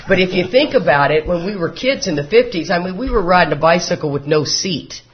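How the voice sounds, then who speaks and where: A man's voice: high voice, animated, a little fast. A man, telling his life story to a recovery group in a folksy, joking way. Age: 50s. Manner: folksy, joking storyteller who often laughs. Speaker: recovery meeting speaker. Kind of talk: personal recovery talk to a live group. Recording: dull lo-fi meeting recording.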